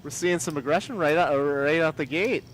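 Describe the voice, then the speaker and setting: A man commentating on a live poker broadcast, talking in a halting way with many fillers and restarts. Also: fairly high pitch, slight background noise.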